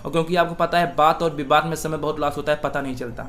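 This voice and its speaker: A man's voice: on the high side, steady tone, quick pace, a bit bright. A young man answering interview questions earnestly, giving advice and calling the interviewer sir. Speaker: exam aspirant being interviewed.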